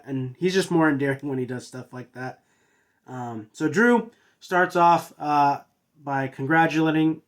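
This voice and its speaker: A man at a mid-range pitch, casually recapping events for his own review show. He talks in a halting, unpolished way, filling gaps with uhs and restarting sentences. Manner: hesitant, filler-heavy with frequent uhs and restarts. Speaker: wrestling show reviewer and host.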